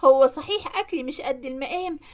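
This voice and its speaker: List: a woman playing a conniving young Egyptian secretary, high, wheedling, dramatic, storybook. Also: quick pace, a little mellow, lightly acted. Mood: sweet coaxing. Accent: Egyptian Arabic.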